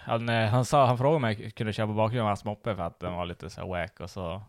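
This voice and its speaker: A young man telling a funny story in casual chat, laughing often and mimicking people in squealing high voices. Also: steady tone, smooth, dry recording, clean studio sound.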